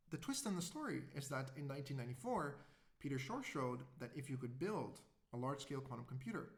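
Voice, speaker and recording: A man giving a public introductory lecture in a conversational way, often asking the audience rhetorical questions. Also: on the high side.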